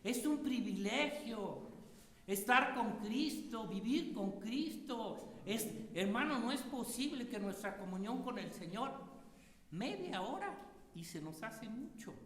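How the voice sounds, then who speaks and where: A man preaching a lively sermon, his tone bright and forceful. He keeps throwing rhetorical questions at the congregation. His voice rings through a hall with a long, echoing reverb. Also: extremely high pitch, takes it slowly.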